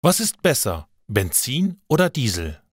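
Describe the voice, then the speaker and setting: A man's voice: mid-range voice, big pitch swings, unhurried, slightly rough, no room sound, clean studio sound. A man doing an unsure car buyer. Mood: asking. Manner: questioning. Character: unsure young man asking advice.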